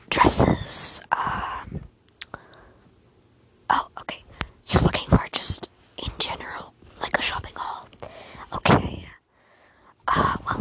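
A woman voicing a friendly female clothing store salesperson in a whispered role-play, with casual fillers. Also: sharp tone.

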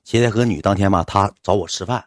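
Low-voiced Northeastern Chinese man telling stories. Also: fast, no echo, clean studio sound. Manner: rambling, colloquial, addresses listeners as brothers. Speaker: storyteller, livestream host. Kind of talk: comic personal storytelling.

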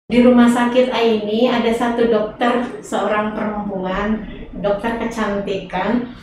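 A woman being interviewed, telling her story in an animated way and slipping English phrases in. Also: a little high, a little slow, distant mic, background noise. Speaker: interview guest. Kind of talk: conversational interview. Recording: echoey room, voice off-mic.

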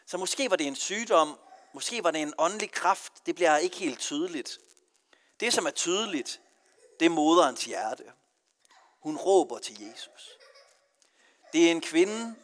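Danish pastor preaching in a reverberant church. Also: male voice, on the high side, a bit bright. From Denmark. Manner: earnest preaching with marked rises and falls in emphasis. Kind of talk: sermon.

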